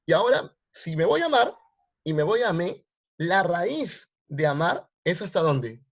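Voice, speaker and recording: A man's voice: high-pitched, big pitch swings, unhurried, lo-fi sound. Man teaching a grammar class online. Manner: repeats questions, quizzes students. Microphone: video call.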